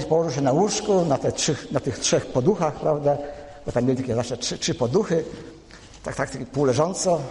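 A man's voice: a little high, mellow, a little hiss or hum. A man preaching a sermon, telling family stories in a chatty, anecdotal way and speaking straight to the congregation. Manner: conversational, anecdotal, addresses the congregation directly. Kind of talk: storytelling sermon. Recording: echoey hall reverb.

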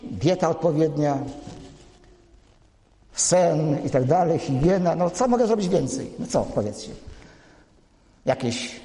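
Speaking unhurriedly with frequent pauses, a man with a slightly high, mellow, animated voice gives a storytelling sermon. He shares family anecdotes casually and talks directly to the congregation, with echoey hall reverb around him.

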